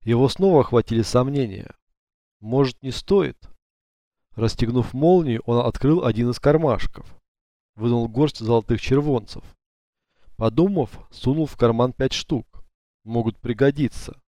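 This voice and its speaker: A male audiobook narrator with a dark, mellow timbre who tells the story in an even, measured way. He sits close to the mic in a dry, dead booth with nothing behind him. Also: medium pitch, no room sound. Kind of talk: scripted narration.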